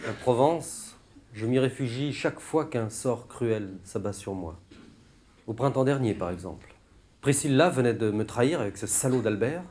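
A man's voice: mid-range voice, animated, normal speed, a little mellow, a little hiss or hum. A man performing a stand-up monologue on stage, rambling through sardonic, mock-indignant asides. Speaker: stand-up comedian. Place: stage before a laughing audience.

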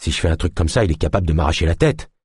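A man as crude jail guard, grumbling, slangy, husky voice, lively pitch, storybook figure. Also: very fast, dry recording, studio quality, full character voice. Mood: gruff.

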